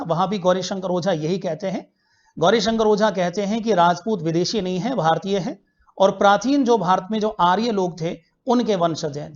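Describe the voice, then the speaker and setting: Male history teacher in an online class, poses questions, answers them himself, drills key facts; dull lo-fi recording. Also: sits high. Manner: repeats key facts for students to remember.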